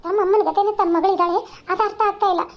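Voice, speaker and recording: A woman's voice: very high voice, steady tone, fast. A woman voicing a caring village mother in a cartoon, who pleads and protests on her daughter's behalf. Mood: indignant. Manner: pleading, indignant. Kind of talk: cartoon voice acting. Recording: slightly dull lo-fi sound.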